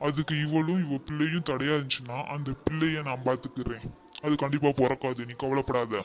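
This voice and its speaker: A man's voice: fairly even intonation, brisk, lightly acted. A man voicing a greedy, scheming middle-aged mother-in-law in a cartoon, bossy and plotting. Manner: plotting, bossy, shrill when alarmed. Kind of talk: cartoon voice acting.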